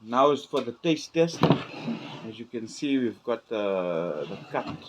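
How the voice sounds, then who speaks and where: A man hosts a casual food-tasting video, sounding enthusiastic and pausing in halting bits while he chews. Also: mid-range voice, sing-song, noisy background. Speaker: host.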